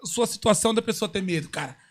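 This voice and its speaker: A man's voice: sits high, quick pace. A man hosting a casual chat, giving short reactions and asking questions. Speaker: host.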